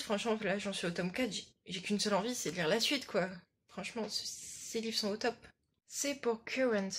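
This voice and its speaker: A young woman in her late teens with a French accent, chatting casually and enthusiastically about her favourite books, with many fillers, filmed on a phone in selfie mode. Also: mid-range voice. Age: young adult. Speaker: book vlogger. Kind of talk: casual chat.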